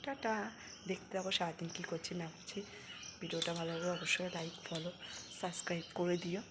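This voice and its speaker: A woman chatting casually to her vlog viewers from her home kitchen, talking quietly at first so her sleeping daughter will not wake. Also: on the low side, flat delivery, a little fast. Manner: speaks softly so her sleeping daughter stays asleep. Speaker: vlogger. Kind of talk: casual daily vlog chat. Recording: home recording with noisy kitchen sizzle.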